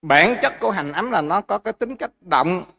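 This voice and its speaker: Guy giving a buddhist dharma talk, high-ish voice, keeps asking the crowd questions. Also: lively intonation, normal speed, creaky, bright, forceful tone. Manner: explains with everyday examples, asks the audience questions. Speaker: Buddhist monk teacher.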